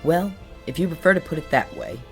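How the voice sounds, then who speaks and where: A man's voice: on the high side, sing-song, brisk, creaky, soft background music. An actor playing a courteous, avuncular male professor in a radio play, speaking in genteel, formal phrases. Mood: genial, courteous. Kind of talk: dramatic radio play acting.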